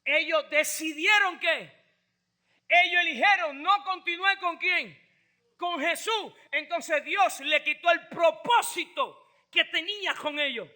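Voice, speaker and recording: High, bright-voiced shouting preacher. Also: male voice, slow. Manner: shouting, call-and-response, mixes in English phrases. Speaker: pastor. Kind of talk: fiery sermon.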